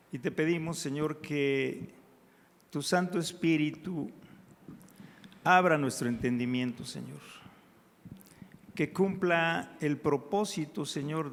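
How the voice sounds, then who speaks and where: A man preaching a sermon in a church, praying in drawn-out phrases and then teaching with growing emphasis. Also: a little high, creaky, fairly bright tone, a little hiss or hum. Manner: slow, prayerful, drawn-out phrases. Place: church hall. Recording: hall with long reverb.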